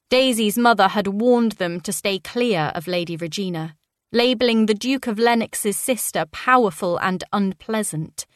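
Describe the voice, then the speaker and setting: A woman reads a period novel aloud at an unhurried, measured pace. Her voice sits in a middle register. The recording is dry and close, with no room sound. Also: mid-range voice, dry recording. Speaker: narrator. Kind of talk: audiobook narration.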